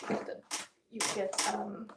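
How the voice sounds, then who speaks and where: This is a Finnish-accented woman from Finland, chatting with live-stream viewers while casually reading tarot and musing aloud in halting English that isn't her first language. Her pitch is medium and her tone level. The phone recording, made in a warm indoor room, is very noisy.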